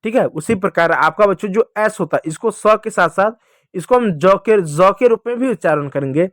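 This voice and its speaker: A man teaching English to children, slowly drawing out spelling drills and prompting the kids to repeat. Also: high-pitched, lively intonation, fairly bright tone, dry recording, clean studio sound. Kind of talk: classroom-style teaching lesson.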